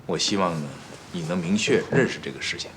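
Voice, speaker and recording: An actor playing a senior department chief who firmly explains a patient's condition. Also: male voice, sits low, animated, a bit bright, slight background noise. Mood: explaining. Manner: firm, measured, explaining. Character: stern male senior doctor, patient and firm.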